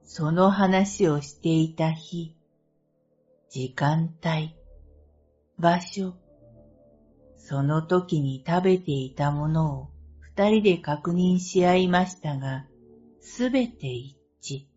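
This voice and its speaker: A husky-voiced woman narrating a scripted ghost story, acting out the dialogue between friends. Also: low voice, takes it slowly, pauses often, mellow. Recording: dull, lo-fi sound with faint music.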